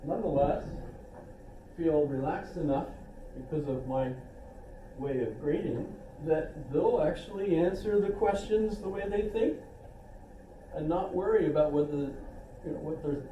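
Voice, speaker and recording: Captured from afar in a reverberant classroom, this older philosophy instructor rambles casually through his lecture, full of tangents and self-mocking humor. His pitch is fairly high and his pace unhurried, with a dark tone, clipped highs, and slight background hiss or hum.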